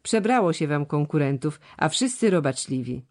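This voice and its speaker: A reader voicing an old treasurer who lisps and stammers, a sharp, scornful critic in an audiobook. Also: mid-range voice, animated, moderate pace, lightly acted. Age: older. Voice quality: lisping, stammering. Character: old male treasurer, sharp-tongued and grumbling. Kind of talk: audiobook character voice.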